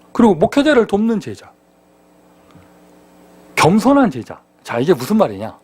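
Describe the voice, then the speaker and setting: A man preaching a sermon as pastor, in a lively conversational manner full of rhetorical questions. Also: a little high, breathy edge. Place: church sanctuary.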